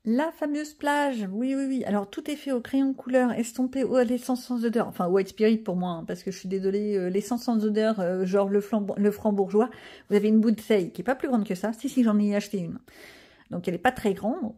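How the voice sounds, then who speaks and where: A woman's voice: mid-range voice, fairly even intonation, a little fast, mellow. A middle-aged woman, chatting casually and rambling with self-mocking asides in a home vlog. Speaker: vlogger. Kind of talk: casual chat while coloring.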